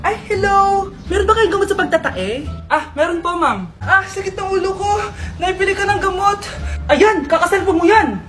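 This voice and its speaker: Woman doing silly skit voices, super high, music playing faintly behind. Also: animated, moderate pace, a bit bright. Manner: switches between many characters, exaggerated and playful. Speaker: comedy skit creator playing all roles. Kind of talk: comedic skit acting.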